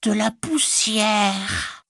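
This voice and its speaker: A man voicing a wretched, starved male creature who whimpers in a shrill, drawn-out wail. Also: gravelly, sharp tone, husky, exaggerated voice. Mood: whimpering plea. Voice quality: shrill, drawn-out wailing whine. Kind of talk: audiobook character voice.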